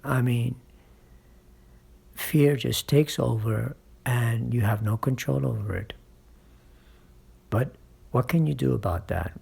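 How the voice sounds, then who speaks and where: A man's voice: mid-range voice, takes it slowly, creaky, pauses often, darkish tone, slightly rough. A man hosting his own channel, giving motivational public-speaking advice and often checking in with the listener. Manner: coaching, checks in with frequent "right?" and "okay?"; speaks from experience, encouraging. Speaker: channel host and speaking coach.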